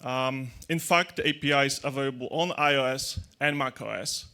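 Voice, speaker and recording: A tech conference talk comes from a man speaking at normal speed in a bright, forceful, medium-pitched voice with fairly even intonation. He uses a handheld mic before an audience in a large dark hall, chatting and joking, with hesitant restarts and non-native grammar.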